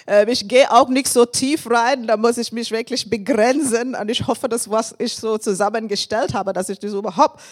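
A woman in her fifties from England, with an English accent on her second language, preaching as a guest and sharing personal testimony with laughs and shouts of praise. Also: a little high. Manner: warm and thankful, with frequent laughs and praise shouts.

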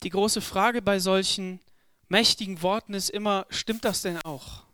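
A man preaching a sermon at a church service, speaking slowly and emphatically and repeating words for stress. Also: high voice, fairly even intonation, bright, forceful tone, dry recording, clean studio sound.

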